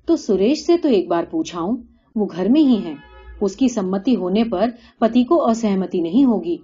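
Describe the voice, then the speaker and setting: A woman's voice: mid-range voice, animated, mellow, slightly rough, faint music behind. A woman voicing a kindly middle-aged mother who reasons patiently in a storybook reading. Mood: reasoning. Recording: dull lo-fi recording.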